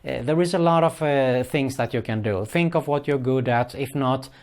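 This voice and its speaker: Speaking English as his third language, a middle-aged Swedish business vlogger whose first language is Swedish offers earnest advice to camera in a casual way. His ordinary mid-pitched voice is darkish in tone and normal in speed, and he often stops on "uh" fillers. He leans on "for example" and "keep that in mind" again and again.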